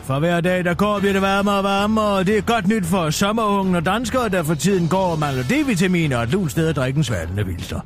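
A brazen, self-important female news anchor from satirical radio comedy, played by a man. The voice sits on the high side for a man and swings widely in pitch. The delivery is theatrical and needling, with faint music behind it. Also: lively intonation, hardly any pauses. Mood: brisk newsreading.

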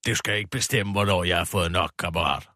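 A man playing a vain, boozy older woman TV host in a comedy sketch, rambling and indignant, with sudden dips into a low mutter. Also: bright, forceful tone, dry recording, studio quality. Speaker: radio show regular.

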